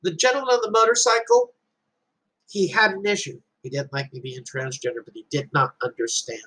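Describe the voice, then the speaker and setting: A man's voice: high voice, fairly quick, a bit bright, low-quality recording. A middle-aged man giving an earnest, emphatic talk, telling a personal story as a parent and repeating key lines for weight. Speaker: speaker addressing a group.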